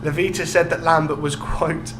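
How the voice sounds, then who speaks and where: Co-hosting a podcast, a man recounts a story in relaxed conversation, amused and explaining things. His voice is on the high side with fairly even intonation at normal speed, and the recording is clearly noisy with hum.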